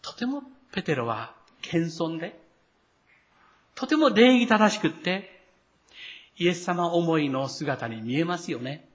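A man's voice: a little high, very animated, a little slow, long pauses. A male pastor preaching a sermon, speaking to the congregation directly and acting out the quoted lines.

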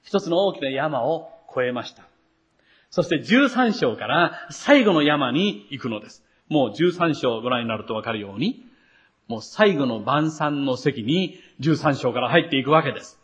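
Earnest man preaching a sermon, lively and animated, muffled lo-fi church recording. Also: mid-range voice, moderate pace. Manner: earnest, expressive preaching with rising emphasis. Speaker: pastor.

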